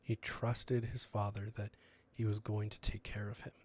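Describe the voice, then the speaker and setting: A man's voice: lowish voice, little pitch movement, moderate pace, darkish tone. Earnest young man giving a casual sermon. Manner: earnest and conversational, many fillers.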